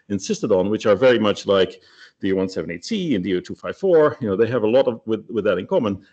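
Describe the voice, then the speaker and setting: A middle-aged Dutch man gives a technical webinar talk over a video call, full of hesitations and fillers. His voice is lowish and creaky, and the audio is muffled and lo-fi.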